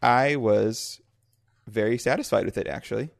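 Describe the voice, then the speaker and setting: A man's voice: mid-range voice, moderate pace, vocal fry. A man co-hosting a podcast, trading playful, teasing banter in casual chat. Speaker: podcast co-host.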